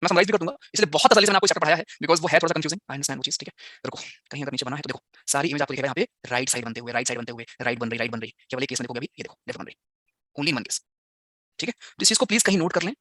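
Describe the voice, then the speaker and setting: High-pitched, fast-talking male physics teacher. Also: pushed and bright, no room sound, studio quality. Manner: asks students quick rhetorical questions, mixes in English. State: slightly unwell. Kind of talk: online class lecture.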